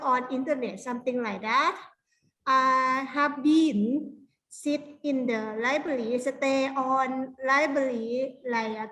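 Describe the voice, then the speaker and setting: High-pitched Thai-accented woman lecturer. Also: a bit bright, rough recording. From Thailand. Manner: halting non-native English. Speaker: university lecturer presenting a workshop. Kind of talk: informal online lecture.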